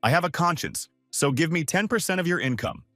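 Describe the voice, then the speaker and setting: A man voicing a rude bald male hunter who shouts his demands. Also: medium pitch, big pitch swings, a little fast, no room sound, studio quality, soft background music, pitched above the performer's own voice. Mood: angry shouting.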